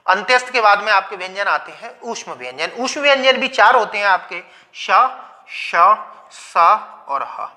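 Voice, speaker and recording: A man teaching a Hindi grammar lesson on video. He explains slowly and patiently, repeats key points, and asks the class questions that he then answers himself. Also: high voice, animated, bright, forceful tone. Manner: slow, patient explaining with repetition. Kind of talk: video lecture.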